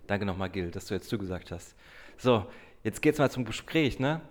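A man's voice: lowish voice, lively intonation, normal speed. A man hosting a casual interview in a café, chatty and enthusiastic, often tagging "ne?". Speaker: podcast host, interviewer. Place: small café indoors.

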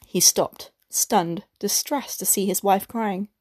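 A woman storyteller reading a classic tale in measured, expressive scripted narration. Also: medium pitch, husky, no room sound, studio quality.

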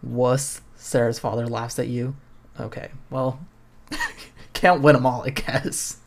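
A young man hosts a casual podcast, reading a choose-your-own-adventure game aloud. He mixes the options with wry, self-mocking remarks and easy laughs. His voice sits at a middle pitch. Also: fairly even intonation, takes it slowly, gravelly. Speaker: podcast host.

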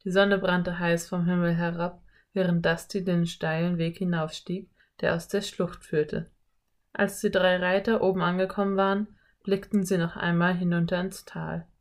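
A woman reading a children's story as narrator in an even storytelling manner. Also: fairly low pitch, normal speed. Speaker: audiobook narrator. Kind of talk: scripted narration.

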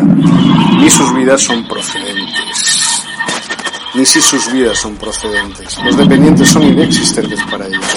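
Spanish man reading over loud music. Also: medium pitch, poor audio. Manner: measured, halting delivery with fillers and restarts. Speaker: author reading from his own book. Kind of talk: reading aloud with spoken asides. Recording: loud background music under the voice.

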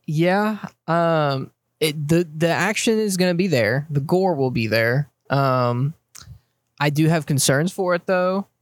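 A man co-hosting a casual movie podcast, measured and a bit skeptical, often giving short agreements. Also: fairly high pitch, dry recording, studio quality. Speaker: podcast co-host.

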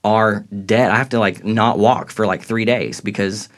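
Earnest young man with a lowish voice. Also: normal speed. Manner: earnest, reflective, grows excited retelling moments. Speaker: podcast guest. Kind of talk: faith testimony in casual conversation.

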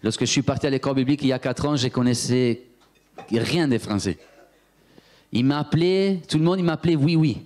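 Man, preacher, sermon, lively storyteller, talks straight to the congregation. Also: medium pitch, brisk. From Italy. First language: Italian. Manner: animated storyteller, acts out voices, talks to the congregation. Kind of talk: sermon with personal testimony.

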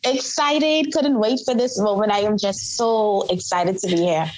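A woman's voice: mid-range voice, unhurried, rough recording. A woman from the Bahamas, a guest author speaking earnestly and inspirationally in a podcast interview.

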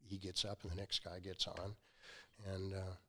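Low-voiced and moderately paced, the man is a company founder in his sixties. He's a guest sharing stories in a relaxed way, bringing each quote to life with lively impersonation.

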